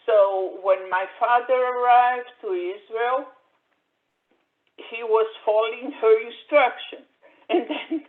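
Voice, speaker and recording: Older woman from Brazil, interviewee; slow and halting, lots of fillers, thin phone-quality sound. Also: on the high side. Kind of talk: oral history interview. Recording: tinny phone-like audio.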